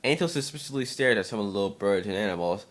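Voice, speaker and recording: Talking fast in a fairly low voice, a man reads out a fan-fiction tale with expressive, dramatic flair. He now and then trips over a word.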